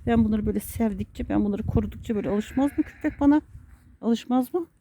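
A woman's voice: medium pitch, rapid-fire, warm tone, a little hiss or hum. A woman vlogging in her garden, complaining wearily and cooing baby talk to her dogs. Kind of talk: casual vlog talk to camera and dogs. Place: outdoor garden.

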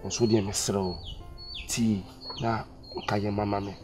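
A man's voice: fairly low pitch, flat delivery, a little slow, music in the background, close to an everyday voice. A man with a Ghanaian accent playing a broke young man who earnestly pleads with his girlfriend in a comedy skit. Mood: pleading. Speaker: poor boyfriend.

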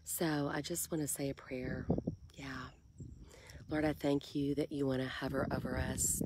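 A woman, talking softly and half-whispering in a casual devotional vlog, filmed on a phone held at arm's length from a kayak on a lake. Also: a bass voice, very noisy. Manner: soft, breathy, half-whispered, musing. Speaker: faith vlogger.

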